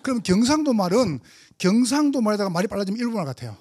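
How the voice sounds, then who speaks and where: A male pastor with a Gyeongsang accent delivers a testimony sermon, his high voice swinging widely as he jokes and exhorts. The tone is slightly husky and the sound is dry and close. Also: no echo. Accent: Gyeongsang Korean. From Gyeongsang Province, Korea. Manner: animated, humorous preaching with rising exhortations; fast talker.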